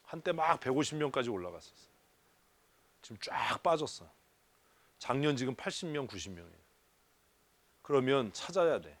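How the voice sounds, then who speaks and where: A man's voice: medium pitch, big pitch swings, normal speed, pauses often. A male pastor giving a church leadership seminar talk, teasing his audience and firing questions at them. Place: church hall.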